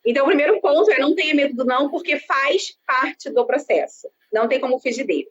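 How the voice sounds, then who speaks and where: Brazilian woman, 30s, sales consultant; outgoing, animated talker; high voice, dull lo-fi call audio. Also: fast. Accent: Brazilian Portuguese. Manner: expansive, lively, self-described outgoing talker. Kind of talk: conversational interview on a live stream. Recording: dull lo-fi sound with faint background noise.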